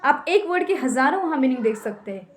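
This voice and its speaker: A woman's voice: high-pitched, lively intonation, fast, slight background noise. A young Indian woman giving emphatic, repetitive tips to English learners, mixing Hindi and English. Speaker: English teacher. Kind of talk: casual tutorial talk.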